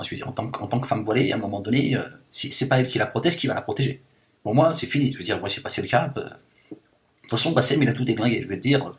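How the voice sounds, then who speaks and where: A man's voice: medium pitch, lightly acted. A man voicing a self-declared liberated woman in a satirical monologue, ranting with endless fillers in mock indignation. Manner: rambling rant full of fillers, mock-indignant.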